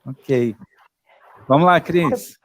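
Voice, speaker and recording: A man's voice: fairly high pitch, extremely slow, fairly bright tone, no room sound. Encouraging man moderating, dry sound. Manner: affirming, encouraging. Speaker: meeting speaker and moderator. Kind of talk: moderating an online meeting. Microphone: video call.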